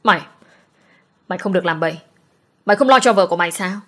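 A woman's voice: fairly low pitch, fast talker, fairly bright tone. Woman voicing a cruel, threatening old chairman. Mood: menacing. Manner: cold, threatening. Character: cruel older man, a company chairman and father.

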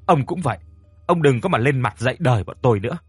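A man's voice: medium pitch, animated, quick pace, husky, no room sound, faint music behind. A man voicing a defiant poor village boy, the older brother, speaking bluntly in a storybook reading. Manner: blunt, indignant.

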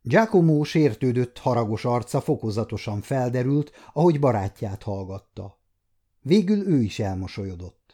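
A man in his fifties reading a historical novel aloud in calm, measured narration. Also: medium pitch. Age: 50s. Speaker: audiobook narrator. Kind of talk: scripted narration.

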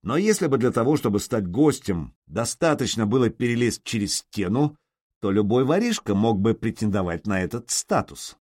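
A man's voice: lowish voice, moderate pace, no room sound, studio quality. A man narrating an adventure audiobook, reading expressively. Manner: expressive reading with shifting character voices. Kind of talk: scripted narration.

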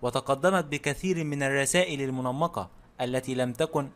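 A man reading the lines of a blunt, sharp-tongued ailing noblewoman in an audiobook. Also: mid-range voice, fairly even intonation, a little fast, natural voice.

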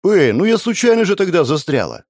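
A man voicing a cheerful, insistent young woman sniper with a sweet tooth in an audiobook, bubbly and squeaky when she pleads. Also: big pitch swings, a little fast, darkish tone, no room sound, clean studio sound, heavily acted. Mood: protesting. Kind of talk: audiobook character voice.

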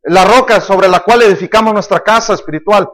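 Pastor, very high voice, emphatic sermon delivery, asks the congregation questions. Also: male voice, brisk, a bit bright.

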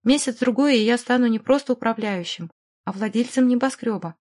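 A woman's voice: a little high, brisk, a little mellow, natural voice. A woman voicing a scheming, condescending middle-aged businessman in an audiobook, with a conspiratorial tone. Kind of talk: audiobook character voice.

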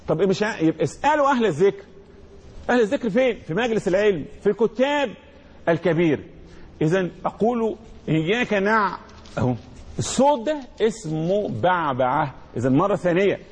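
Male Quran teacher, Egyptian accent, high husky voice, slow demonstrative recitation with call-and-response drills. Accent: Egyptian Arabic. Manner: drawn-out demonstrative recitation, quizzing students. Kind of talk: tajweed lesson with call-and-response.

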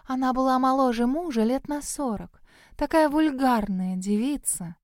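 A woman's voice: sits high, moderate pace, no echo, clean studio sound, natural voice. A woman doing a sly, mocking spirit in a well. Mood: gossipy. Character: mocking gossipy female spirit living in a well.

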